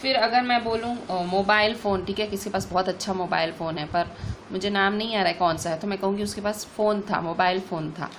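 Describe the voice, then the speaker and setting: A woman teaching an online grammar class, explaining slowly, restating points and checking in with "okay" after each one. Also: medium pitch, fairly even intonation, slight background noise.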